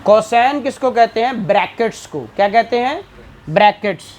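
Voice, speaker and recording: A man's voice: very high-pitched, normal speed. A man giving a classroom lecture as a law exam tutor, asking questions and answering them himself.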